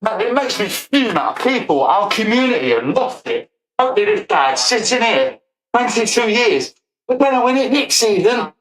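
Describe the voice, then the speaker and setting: A forty-something man, high-pitched for a man, ranting on a livestream. He swears freely and breaks into laughter as he talks. The sound bounces around an echoey room. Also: very animated, a bit bright. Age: 40s. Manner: profane, ranting, quick to laugh. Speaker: streamer. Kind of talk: livestream rant.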